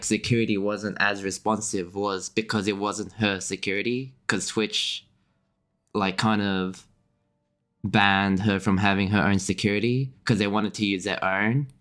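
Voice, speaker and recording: A young man chatting on a game stream in a lowish voice. He rambles, leans on filler words, restarts his sentences and keeps breaking into small laughs. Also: fairly even intonation, measured pace, a bit bright, clean tone. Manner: rambling, filler-heavy with frequent restarts and chuckles. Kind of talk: casual chat while gaming.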